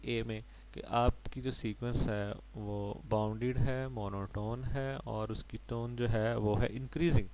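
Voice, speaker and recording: Male maths lecturer, mid-pitched, patient step-by-step explanation, faint hum behind. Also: steady tone, a little slow, few pauses, a little mellow, poor audio. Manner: explains step by step, mixing English terms and often adding "ठीक है जी".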